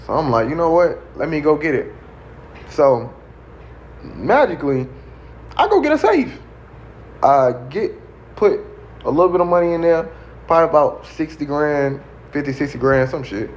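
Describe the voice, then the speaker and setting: A man's voice: on the high side, moderate pace. A man telling a personal story in casual talk, acting out the voices of the people in it. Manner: animated, acts out voices and siren sounds. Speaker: guest storyteller. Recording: slightly dull with faint noise.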